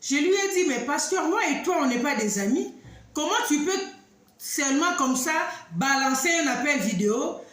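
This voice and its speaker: High-voiced woman in an echoey room. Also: expressive, normal speed. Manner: emphatic, warning, swings between loud outbursts and low asides. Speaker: online talk host addressing women. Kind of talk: animated storytelling monologue. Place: living abroad in southern Africa.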